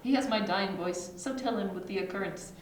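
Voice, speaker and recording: A woman's voice: fairly low pitch, normal speed. A woman voicing a bitter, dying young prince in an amateur read-through of a Shakespeare play, fading yet urgent, sometimes stumbling over the lines. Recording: echoey room, distant mic, noisy.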